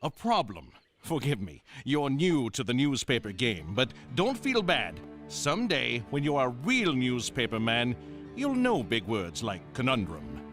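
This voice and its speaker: A man's voice: mid-range voice, wildly swooping pitch, unhurried, fairly bright tone, soft background music. A man playing a condescending, pompous colonial newspaperman in a history cartoon. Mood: condescending, scheming. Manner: condescending, wordy. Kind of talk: animated history cartoon acting.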